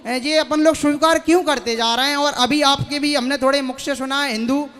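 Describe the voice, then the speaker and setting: A man's voice: very high voice, steady tone, fairly quick, fairly bright tone. A young man in an audience, asking a spiritual teacher long, earnest and deferential questions. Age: young adult. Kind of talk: devotional question and answer.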